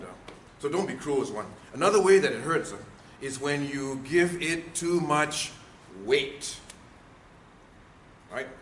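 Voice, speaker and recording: A speaking trainer with a medium-pitched, slightly bright voice gives a workshop lecture. He speaks emphatically and puts questions to his audience, and the echoey room carries faint noise.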